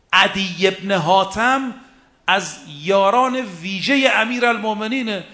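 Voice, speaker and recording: A man preaching a religious sermon, driving his points home in short rhythmic lists and slowly intoning Arabic verses. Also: high-pitched, a bit bright.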